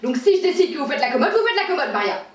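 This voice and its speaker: A woman's voice: on the high side, lively intonation, a little fast, natural voice. A woman playing a bossy bourgeois lady of the house who scolds her maid imperiously. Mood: haughty scolding. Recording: roomy echo, far from the mic.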